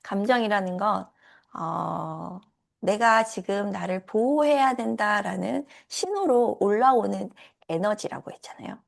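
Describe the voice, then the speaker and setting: Heavily gravelly-voiced woman coach. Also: medium pitch, unhurried. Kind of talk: casual coaching talk.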